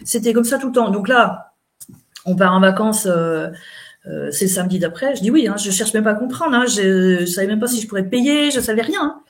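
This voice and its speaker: A woman's voice: medium pitch, lively intonation, brisk. A middle-aged woman, an interview guest, chatting casually as she recounts events and quotes what people said.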